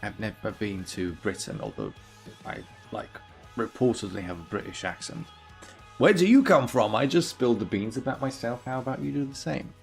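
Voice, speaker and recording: Gravelly-voiced man chatting with viewers live. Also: medium pitch, lively intonation, moderate pace, soft background music. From Belarus. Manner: chatty, reads and answers chat aloud. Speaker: chess streamer. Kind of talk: casual live-stream chat.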